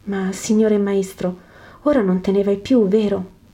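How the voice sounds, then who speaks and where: A woman reading the lines of a humble, poor man who has just been healed, speaking in a hushed, faltering, earnest voice. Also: mid-range voice, steady tone, measured pace, close to an everyday voice. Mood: humble, moved. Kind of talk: scripted reading of a religious narrative.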